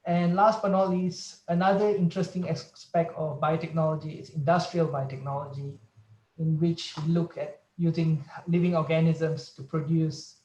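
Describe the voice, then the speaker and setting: A man's voice: fairly high pitch, little pitch movement, normal speed, darkish tone, roomy sound, rough recording. A man from Malaysia, a research scientist, giving a careful, explanatory presentation over a video call. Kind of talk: online conference presentation.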